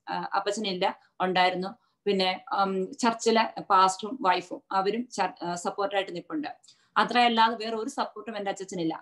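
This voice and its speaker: Woman telling her faith testimony. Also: medium pitch. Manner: emotional storytelling, many fillers. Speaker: testimony speaker at women's church meeting. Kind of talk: personal testimony.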